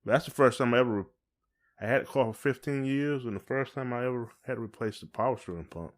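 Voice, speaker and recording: A medium-pitched American man talks at a quick pace while co-hosting a podcast. His chat is casual, relaxed and full of colloquial language.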